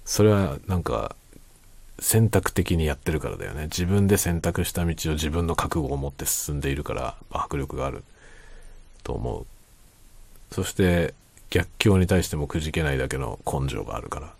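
A man chatting casually in a quiet late-night monologue, musing and circling back over his own phrases. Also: animated, normal speed, vocal fry, breathy edge, dry recording. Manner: quiet, low-voiced night-time talking. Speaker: host of a solo talk show.

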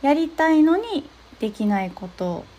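A young woman hosting an advice talk, explaining steps gently with frequent soft agreeing fillers. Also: high-pitched, big pitch swings, measured pace. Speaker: podcast host giving advice to therapists.

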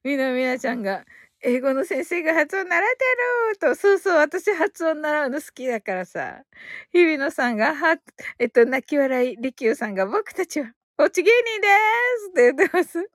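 Bubbly high-voiced woman host, dry close mic. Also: expressive, moderate pace, no room sound. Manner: laughs often, reads out listener comments, bubbly. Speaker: host of a live audio broadcast. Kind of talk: casual live-stream chat.

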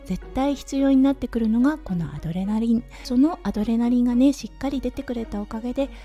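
A hoarse woman hosts a casual audio diary over clear background music. Her voice is husky and slightly raspy, fairly high yet very soft and dark in tone. She tells things in a chatty, gentle way. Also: fast talker, muffled recording. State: hoarse from overuse, sore throat. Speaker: podcast host, anaesthetic nurse.

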